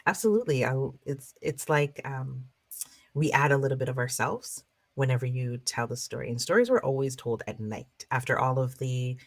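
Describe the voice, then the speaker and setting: A woman storyteller speaking expressively about and in trickster tales, with dramatic pauses and drawn-out, emphatic words. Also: rumbling low, no room sound. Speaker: guest storyteller of Caribbean folklore.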